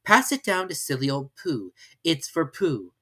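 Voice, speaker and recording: A man's voice: fairly high pitch, sing-song, measured pace, pushed and bright, breathy edge, voice pushed up, heavily acted. A man voicing an eager, earnest young boy.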